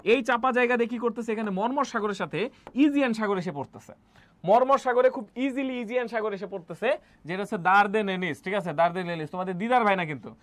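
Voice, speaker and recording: A man's voice: high-pitched, quick pace, fairly bright tone. A man teaching an admission test coaching lecture, playful, repeating key words and quizzing his students.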